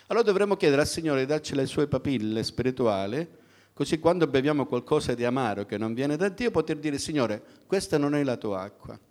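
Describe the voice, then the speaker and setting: A man's voice: mid-range voice, a little mellow. A middle-aged man preaching a sermon in a conversational way, often asking the congregation questions.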